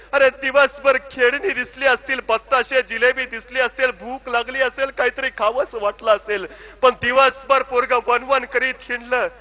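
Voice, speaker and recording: Impassioned high-voiced male orator. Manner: rousing, rhetorical questions. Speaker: public speaker. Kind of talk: impassioned public speech with storytelling. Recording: dull lo-fi recording.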